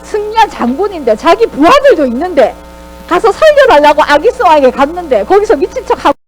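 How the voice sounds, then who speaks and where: A woman Sunday school teacher giving a children's sermon in a lively way, often asking the kids questions. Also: extremely high pitch, fairly quick, a little hiss or hum, poor audio.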